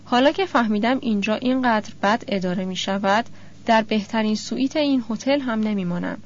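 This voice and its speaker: A woman's voice: a little high, dull audio, close to an everyday voice. A woman reading an indignant hotel guest. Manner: indignant, demanding. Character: rude, shouting male hotel guest.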